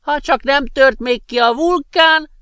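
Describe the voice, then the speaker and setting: A man doing a high croaky tipsy old professor. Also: pushed and bright, no echo, clean studio sound. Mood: tipsy, jolly. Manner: slow, drawn-out, giggly.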